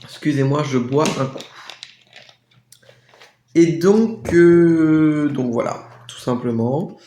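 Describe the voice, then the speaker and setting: A man's voice: fairly high pitch, dark tone, slight background noise. Chatty man in an echoey room. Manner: chatty, hesitant with many "euh", sounds out German labels slowly. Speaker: vlogger reviewing a shopping haul. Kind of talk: casual product review.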